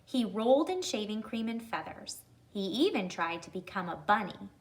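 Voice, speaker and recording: In a sing-song, mid-range voice, a woman reads a children's story out loud. She talks to her young audience deliberately, stopping now and then to put questions to them.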